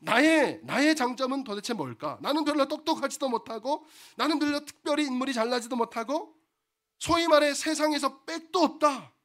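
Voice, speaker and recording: Male pastor, sermon, very high voice, bright forceful tone, repeats key phrases. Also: expressive, normal speed. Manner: asks the congregation rhetorical questions.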